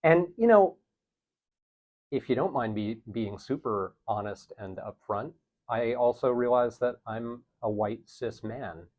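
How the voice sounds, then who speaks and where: A man's voice: mid-range voice, unhurried, dull audio. A middle-aged man from New City, a teacher talking earnestly and thoughtfully as an interview guest. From New York City. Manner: thoughtful, earnest, self-correcting. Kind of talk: relaxed reflective conversation.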